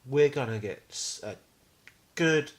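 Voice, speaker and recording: A young British man co-hosts a podcast, chatting casually in a rambling, sweary way. His voice is medium-pitched and unhurried.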